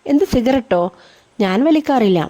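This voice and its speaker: A woman voicing a relaxed, teasing young male college student in a storybook reading. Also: high voice, normal speed, pitched above the performer's own voice. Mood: defensive.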